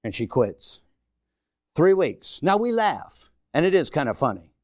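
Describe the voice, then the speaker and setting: Animated preacher in his sixties. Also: fairly high pitch, unhurried, dry recording, clean studio sound. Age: 60s. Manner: emphatic, exhorting, repeats phrases for effect. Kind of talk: sermon. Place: church before a congregation.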